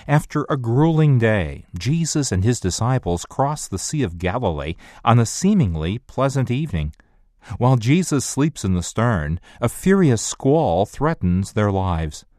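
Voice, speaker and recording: A man hosting a short radio devotional, reading scripture and a prayer in a measured, earnest way. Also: medium pitch, sing-song, darkish tone, no echo, studio quality.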